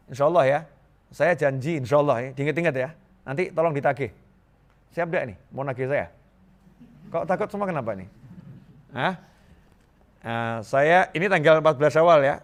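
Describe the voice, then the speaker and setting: A middle-aged man from Indonesia preaching a sermon to a congregation, lively and joking, repeating phrases for emphasis. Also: fairly high pitch. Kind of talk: Islamic sermon to a live congregation.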